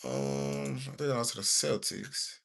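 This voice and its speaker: Bright-voiced young streamer rambling. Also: male voice, medium pitch, unhurried, gravelly, breathy edge. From United States. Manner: rambling, slangy, animated; reads stiffly from notes. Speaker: livestreamer. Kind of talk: casual livestream talk.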